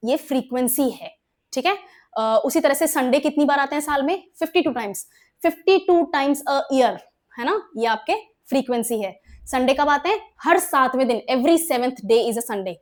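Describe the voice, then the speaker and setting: Young woman, Indian English accent, high pitch, explanatory exam-prep teaching, frequent check questions. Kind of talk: exam-prep grammar lesson.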